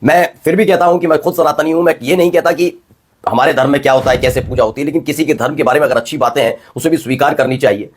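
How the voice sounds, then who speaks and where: A man hosting a political news commentary, talking fast and rhetorically straight to his viewers. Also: fairly high pitch, fairly even intonation, husky.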